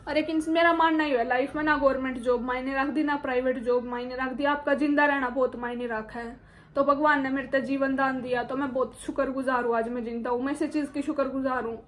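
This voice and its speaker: A woman's voice: high voice, fairly even intonation, brisk, a little hiss or hum. A young woman with a Haryanvi accent telling her personal story and earnestly appealing to viewers in a vlog monologue. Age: young adult. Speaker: vlogger.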